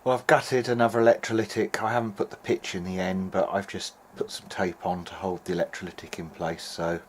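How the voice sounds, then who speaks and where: This low-voiced man speaks briskly, offering casual workbench remarks as a hobbyist radio restorer and presenter. He hesitates and thinks out loud. Steady background noise is clearly audible.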